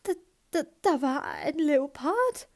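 A woman's voice: high voice, expressive, moderate pace, darkish tone, voice pushed up. A woman voicing a fussy, easily flustered elderly lady who knits. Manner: stammering, fussy.

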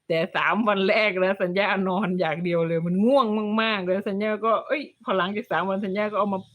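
A woman hosts a casual livestream in a mid-pitched voice. She rambles from one personal story to the next in a chatty, informal way, pausing to read out viewer comments as she goes. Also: muffled recording. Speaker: livestream host.

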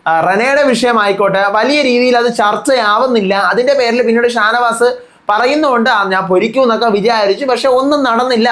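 A man's voice: very high voice, fairly bright tone. A young man reviewing a reality show to camera in a heated, casual way, firing rhetorical questions at his viewers and scolding them.

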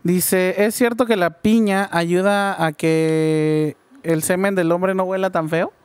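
A woman's voice: fairly low pitch, fairly even intonation, slow pace, darkish tone, smooth, no room sound. A woman, hosting a podcast in a casual, bantering way and reading out listener questions. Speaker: podcast host.

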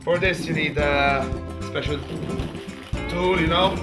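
A man in his thirties hosting a jokey cooking show in a small home kitchen, playful and theatrical with sudden shouts. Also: fairly high pitch, fairly even intonation, takes it slowly. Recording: loud music behind voice. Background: music.

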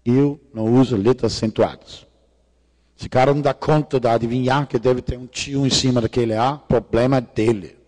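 Steady, moderately paced and darkish in tone at medium pitch, a middle-aged Danish man delivers a conference talk in Portuguese with a Danish accent. He's jokey and irreverent, swears casually and makes grammar slips as a non-native speaker. A large, reverberant lecture hall surrounds him.

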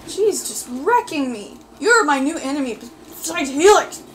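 A woman reacting live to her gameplay, excitably pleading and yelling at the screen, with faint game music behind her. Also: high voice, unhurried. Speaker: gameplay video host. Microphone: desk mic.

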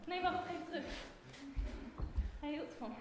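A woman's voice: very high-pitched, normal speed, noisy background. A teenage girl in a school play voicing a torn young Trojan woman who pleads and wavers. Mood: wavering. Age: late teens. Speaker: student actor. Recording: very echoey hall from far off.

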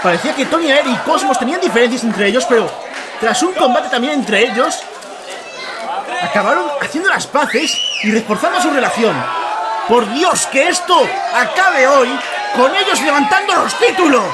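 Excited guy on wrestling commentary, voice jumping around, really noisy venue with big crowd. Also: very high-pitched, moderate pace. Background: loud wrestling crowd.

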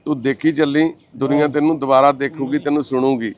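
A man with a mid-range, steady voice hosts his channel as a social worker, comforting a family and appealing to his viewers with warm, reassuring, fatherly words. He calls others son and sister and recites a prayer in a slow, chanting voice.

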